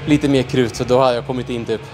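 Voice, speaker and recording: A sore, exhausted young man chats haltingly in a big indoor gym, his words full of fillers. Music plays clearly behind him. He speaks at a middling pitch into a handheld mic. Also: fairly even intonation, rough recording. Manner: tired, halting, many fillers. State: sore and worn out. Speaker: vlogger. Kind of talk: casual vlog chat. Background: music playing.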